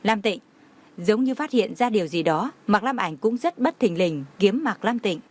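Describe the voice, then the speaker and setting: A woman's voice: medium pitch, animated, moderate pace. A woman reading a romance novel aloud as a narrator, voicing every character's lines in her own voice. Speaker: audiobook narrator.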